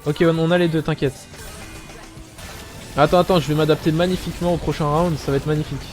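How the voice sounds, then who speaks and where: A young man with a Belgian French accent giving casual, animated gameplay commentary as a streamer, swearing often and talking straight to his viewers. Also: fairly high pitch, quick pace, soft background music.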